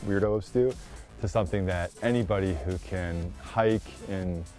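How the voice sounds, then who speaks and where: A man's voice: low voice, moderate pace, darkish tone, soft background music. A man working as a rock climbing guide, explaining plainly and encouragingly in casual outdoor talk. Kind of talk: casual interview talk and on-location instruction. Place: outdoors on wooded trail and cliffs.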